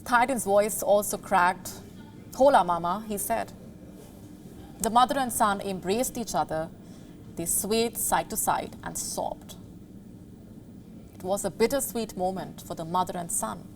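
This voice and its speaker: A woman presenting a scripted news feature in a dramatic, deliberate storytelling manner, pausing for emphasis. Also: mid-range voice, slight background noise.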